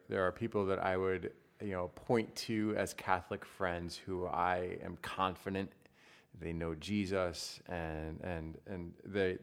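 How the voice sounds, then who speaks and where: A man's voice: low-pitched, smooth. A man, a Protestant pastor, talking in a casual discussion, thoughtful and hedging with fillers.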